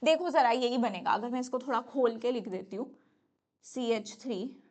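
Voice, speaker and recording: Higher-pitched woman teaching chemistry. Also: normal speed, a little mellow. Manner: chatty, addresses students as "beta", self-correcting. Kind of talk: exam-prep lecture at a whiteboard.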